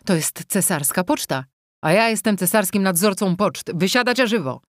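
A woman's voice: mid-range voice, animated, normal speed, dry recording, studio quality, lightly acted. A woman voicing a self-important male imperial postmaster who barks orders in an audiobook. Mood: commanding. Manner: barking commands, self-important. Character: blustering male imperial postmaster, middle-aged. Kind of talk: audiobook character voice.

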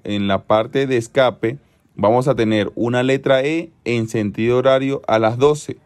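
A man talks through an engine repair step by step, in a middle-pitched voice. He repeats the key points so they stick, and now and then he corrects himself mid-sentence. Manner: methodical, repeats key steps. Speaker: car mechanic, channel host. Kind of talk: instructional how-to narration.

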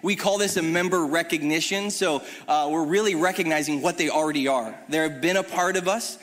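A man's voice: a little high, brisk, a bit bright. Man leading prayer in a ringing church hall. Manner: earnest, prays aloud with repeated "Lord" and "God". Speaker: church pastor leading the service. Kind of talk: church announcements and spoken prayer. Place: church sanctuary stage. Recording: long reverb of a church hall.

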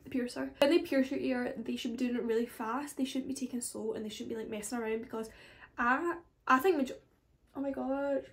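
A woman's voice: on the high side, fairly quick. A woman, chatting casually to camera as a vlogger, rambling with frequent asides. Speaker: beauty vlogger.

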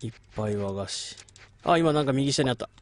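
A man's voice: mid-range voice, lively intonation, brisk. A man streaming a game late at night, chatting casually and muttering reactions to the gameplay. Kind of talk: late-night casual chat while gaming.

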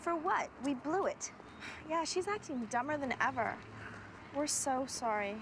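A woman's voice: high-pitched, animated, a little slow, noisy background. An actress playing a trendy, chatty teenage girl with bubbly valley-girl speech, in a 1990s sitcom.

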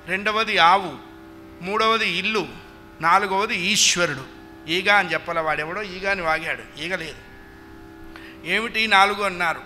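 Bright-voiced male devotional storyteller. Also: high voice. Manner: animated, addresses the audience directly. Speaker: Harikatha storyteller. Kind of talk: devotional musical storytelling with humorous asides. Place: religious hall.

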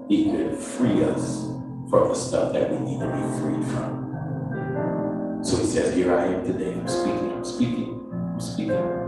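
Heard from a distance in an echoey church sanctuary, a low-pitched pastor with a Southern US accent preaches and gives an altar call. His rhythmic cadence rises into sung chants over organ or piano music.

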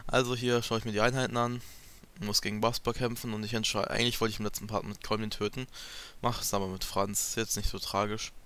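A man's voice: fairly low pitch, quick pace, clean tone. A man giving casual, rambling commentary over a video game as a let's player. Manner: relaxed, rambling, many fillers.

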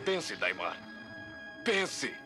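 A man's voice: mid-range voice, big pitch swings, drawn-out words, music in the background. A man playing a muscular, kind cartoon champion in a dub, earnest and declamatory. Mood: pleading. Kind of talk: dubbed cartoon acting. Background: dramatic cartoon score.

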